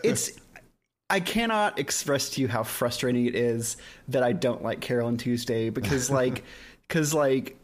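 Man, podcast host, casual chat, joking, quick, middle pitch. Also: animated. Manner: joking, quick, laughs often.

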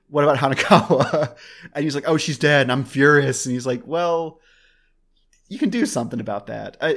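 Rambling man in casual chat. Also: medium pitch. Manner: rambling, with many restarts and laughs. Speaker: podcast co-host.

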